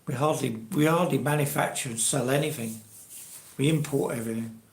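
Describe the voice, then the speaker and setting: A man in his sixties with an English accent chats informally to a live audience online. His voice is mid-pitched with plenty of gravelly fry, and he wanders conversationally through his thoughts. The room adds a noticeable echo. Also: fairly quick. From England. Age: 60s. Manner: rambling, conversational. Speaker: live stream host. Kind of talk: casual live chat. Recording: roomy, echoey live stream.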